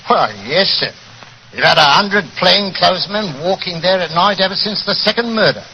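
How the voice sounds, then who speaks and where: A man playing a plodding, gruff but deferential British police inspector, a little hesitant, in 1940s radio style. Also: sits high, expressive, moderate pace, a little hiss or hum. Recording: muffled old radio recording.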